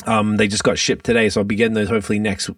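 A man's voice: on the low side, flat delivery, rapid-fire, dry recording, clean studio sound, recorded from a distance. A man chatting casually and bluntly as a podcast host, with plenty of slang and swearing. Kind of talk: casual chat.

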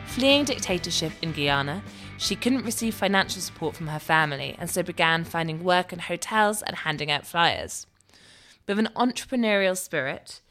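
This podcast host has a lowish, slightly bright voice. She opens the interview by introducing her guest, then keeps things friendly with questions and shared laughter.

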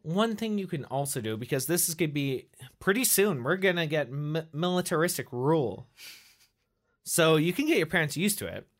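A young man co-hosting a podcast, joking in a deadpan, teasing, mock-serious way. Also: on the high side, normal speed. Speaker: podcast co-host. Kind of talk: casual joking chat.

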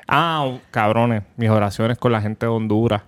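A man with a Puerto Rican accent co-hosting a podcast, talking loud and rowdy, cursing constantly in casual chat. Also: lowish voice, moderate pace. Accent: Puerto Rican Spanish. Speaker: podcast co-host.

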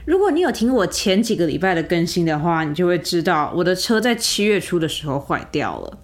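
A woman's voice: on the low side, a little fast. A young woman hosting a podcast, telling a personal story in a chatty, casual way with many fillers and asides to the listener. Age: young adult. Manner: chatty, animated, lots of fillers and rhetorical asides. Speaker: podcast host.

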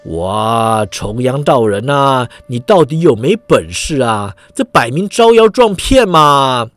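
A man voicing a rough, scornful male heckler who jeers coldly. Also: mid-range voice, sing-song, takes it slowly, fairly bright tone, voice pushed down. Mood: jeering. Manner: cold, jeering.

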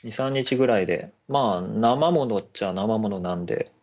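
A man's voice: lowish voice, normal speed, darkish tone. A man chatting casually and politely on a podcast, often laughing. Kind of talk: casual chat. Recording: dull lo-fi audio.

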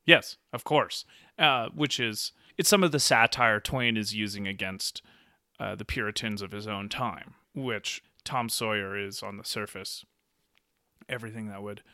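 A man talks through a classic novel with keen enthusiasm, often breaking into laughter and playing out the lines he quotes. His voice is bright and forward, recorded close and dry with no room sound. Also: lowish voice, unhurried, no echo. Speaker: discussion co-host. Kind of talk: casual literary discussion.

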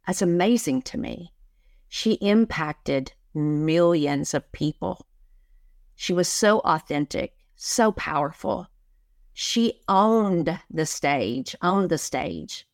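A middle-aged woman coach talks slowly and earnestly as an interview guest, hammering her points home by repeating them. Her voice sits a little low for a woman. The recording is close and dry, with no room sound. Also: gravelly, dry recording. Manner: earnest, emphatic, repeats key phrases. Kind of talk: motivational interview talk.

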